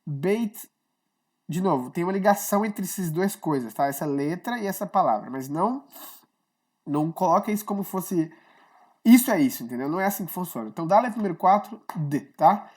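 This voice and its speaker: A woman's voice: on the low side, animated, brisk, darkish tone. Chatty woman teaching Hebrew letters. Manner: chatty, explains step by step, keeps checking with "tá?". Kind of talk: casual online lesson.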